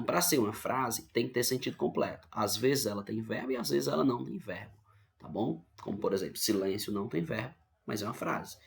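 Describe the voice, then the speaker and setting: A man's voice: fairly low pitch, creaky. A male teacher with a Brazilian accent giving an online grammar lesson, explaining patiently and often checking in with his students. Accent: Brazilian Portuguese.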